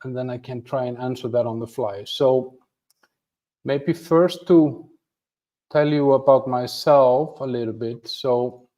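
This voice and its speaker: Speaking a little slowly with a warm, medium-pitched voice, an Icelandic channel host in his fifties livestreams from home, a flag hanging behind him. He talks casually and chattily to viewers, pokes fun at himself, and restarts his sentences many times.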